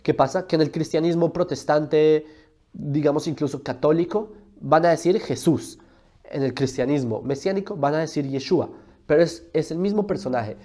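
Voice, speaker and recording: In a studio, wearing a lapel mic, a man from Colombia presents an argumentative explainer monologue for his religion video, emphatic and heavy on rhetorical questions. He talks at normal speed in a slightly high, dark-toned voice.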